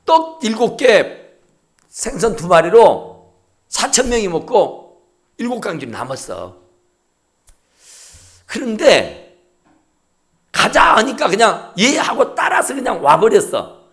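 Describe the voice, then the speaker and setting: A male pastor preaches with wild swings in pitch. His voice sits high and keeps leaping around as he acts out the dialogue. He moves between shouts and near whispers. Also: wildly swooping pitch, takes it slowly, pauses often. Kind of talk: sermon.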